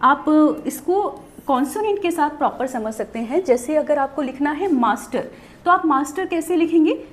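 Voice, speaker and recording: Woman, shorthand teacher, high voice, animated pitch, step-by-step explanations, questions and answers. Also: normal speed. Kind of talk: video lesson.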